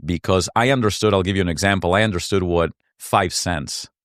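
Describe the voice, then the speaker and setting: A man from Argentina, whose first language is Spanish, speaks with an extremely deep, smooth and resonant voice. He tells his story in an earnest, reflective way, and the sound is close and dry. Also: a little fast, no room sound. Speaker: entrepreneur guest. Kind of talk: conversational interview.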